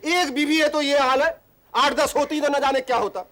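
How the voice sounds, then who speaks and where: An actor playing a harried husband in a sitcom, complaining and cracking punning jokes. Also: male voice, very high voice, steady tone, moderate pace, fairly bright tone. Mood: exasperated. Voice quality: wisecracking, punning patter. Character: harried comic husband hunting for a maid. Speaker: sitcom character. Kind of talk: sitcom acting. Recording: sitcom audio with hiss.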